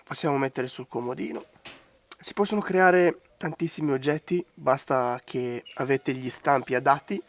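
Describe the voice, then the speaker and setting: A man with a hoarse, congested voice giving out from a bad cold, talking casually through a hands-on craft tutorial. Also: medium pitch, normal speed. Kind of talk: casual hands-on DIY commentary. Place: outdoors in a garden.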